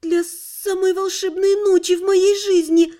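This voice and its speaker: A stubborn, nervous young woman, played by an audiobook reader, her voice high and raised. She sounds flustered yet defiant, pleading her case with rising insistence. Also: little pitch movement, unhurried, mellow. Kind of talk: audiobook character voice.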